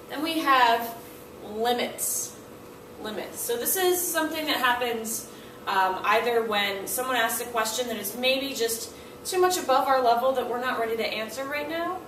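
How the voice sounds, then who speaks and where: Animated woman teaching from across a classroom. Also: on the high side, background noise. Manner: animated, acts out student and teacher lines in quotes. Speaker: language teacher. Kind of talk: classroom instruction. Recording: echoey room, mic at a distance.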